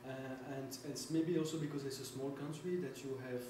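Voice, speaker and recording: A Belgian man in the audience of a discussion offers a thoughtful remark, stammering and repeating words. His medium-pitched voice is a little fast with fairly even intonation. The recording comes from a large public hall, with echo, hum, and a distant mic.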